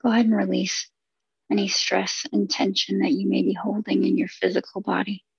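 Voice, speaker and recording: A female meditation guide leads a relaxation session in a husky, mid-range voice heavy with vocal fry, keeping her tone level. She speaks soothingly in short, unhurried phrases separated by long pauses. The recording is dull and very dry, with no echo.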